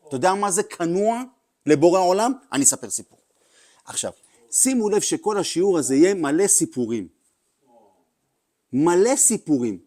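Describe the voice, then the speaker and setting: A man, a rabbi, giving a Torah class full of stories, animated and dramatic, bursting into loud exclamations as he tells them. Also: fairly high pitch. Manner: animated storyteller, acts out characters with sudden loud outbursts.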